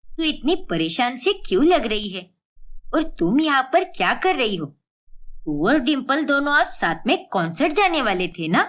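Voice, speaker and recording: A woman voicing an older, caring mother-in-law who soothes and gently scolds. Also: high-pitched, very animated, normal speed. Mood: concerned.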